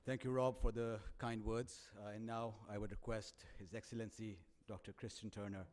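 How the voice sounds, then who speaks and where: A man's voice: lowish voice, little pitch movement, moderate pace, a little mellow, slight background noise. A man as master of ceremonies, announcing speakers formally and politely, from a distant mic.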